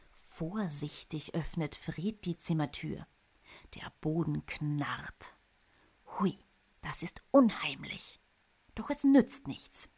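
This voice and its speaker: A woman reads a children's story aloud. Her low voice takes its time and swings widely in pitch. She sinks into whispers at the tense parts. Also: husky. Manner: expressive, drops to a whisper for suspense. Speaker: narrator. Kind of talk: reading a children's picture book aloud.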